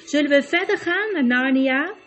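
A woman voicing a gentle, plain-spoken talking mare in a storybook reading. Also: high-pitched, lively intonation, moderate pace, muffled recording, soft background music, voice pushed up.

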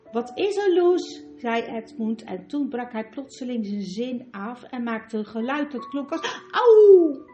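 A woman narrates a storybook in a calm, even tone. Her voice is high. The recording is dull, with music playing behind her.

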